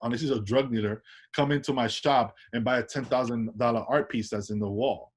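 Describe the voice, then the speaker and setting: The speaker, an artist guest raised in Washington Heights, New York, talks in a steady tone and brisk rhythm during a relaxed interview. His New York accent, ordinary pitch, loose style, repeated restarts, and habit of tag questions mark his speech.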